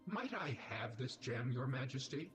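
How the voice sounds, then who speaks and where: A man's voice: medium pitch, big pitch swings, normal speed, music in the background. Noble game king voiced by a man, courteous and formal, run through a voice modulator like an underwater bubble. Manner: formal and polite. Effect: voice modulator, speaking through an underwater bubble.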